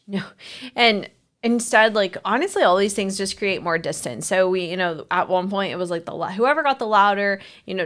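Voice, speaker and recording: A woman's voice: mid-range voice, fairly bright tone. A woman co-hosting a casual talk about marriage, speaking frankly and with many fillers. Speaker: marriage coach, co-host.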